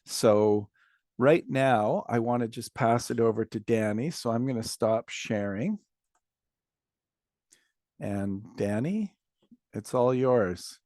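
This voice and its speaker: Man, workshop host on a video call; dry close sound, relaxed and friendly with a few ums. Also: medium pitch, slow pace, long pauses, dry recording. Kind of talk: online workshop talk.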